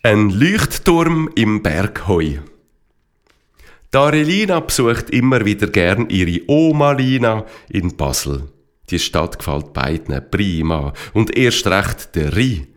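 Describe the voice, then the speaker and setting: A man narrating a children's story with slow, lively reading. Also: lowish voice.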